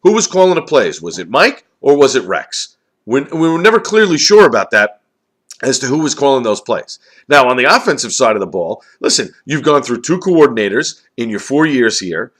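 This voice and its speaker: A man delivering an opinionated football commentary monologue. He rants emphatically and keeps firing off rhetorical questions. His voice sits at an ordinary middle pitch for a man. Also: big pitch swings, moderate pace, fairly bright tone. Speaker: sports commentator.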